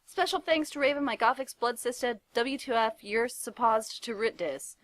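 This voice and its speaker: A woman doing a shrill, panicky vampire boy. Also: moderate pace, a bit bright, no room sound, close to an everyday voice. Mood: frantic. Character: frantic teenage boy vampire wizard.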